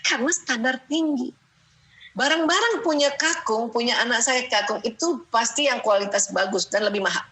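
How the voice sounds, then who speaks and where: A middle-aged woman leads a parenting seminar in a bright, slightly high voice. Her delivery is animated and full of laughter, with a habit of tucking "ya" between her points. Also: moderate pace, low-quality recording. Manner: lively, often laughing, quotes her children; peppers sentences with "ya". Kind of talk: seminar talk to an audience.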